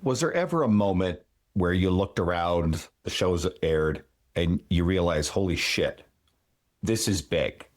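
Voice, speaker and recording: A man from hosts a podcast. His voice sits on the low side, and he asks questions in a chatty, enthusiastic conversational manner. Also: animated, unhurried. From Newfoundland. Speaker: podcast host. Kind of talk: conversational interview.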